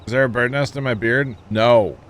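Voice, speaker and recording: A livestream gamer chats casually with his viewers while playing, spinning rambling, jokey stories and chuckling often. His voice is mid-range and a bit bright, with fairly even intonation and a moderate pace. A little hiss or hum sits under the audio.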